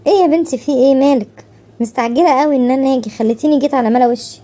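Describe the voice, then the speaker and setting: A woman's voice: high voice, rapid-fire, dark tone, lightly acted. A woman playing a questioning Egyptian relative. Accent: Egyptian Arabic. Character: concerned older relative of the mother, calm and questioning.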